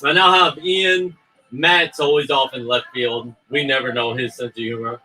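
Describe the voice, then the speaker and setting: A man's voice: medium pitch, fairly even intonation, normal speed, sharp tone, faint music behind, rough recording. A man co-hosting a casual livestream, bantering in a joking, teasing and rambling way. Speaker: livestream co-host promoting a crowdfunding campaign.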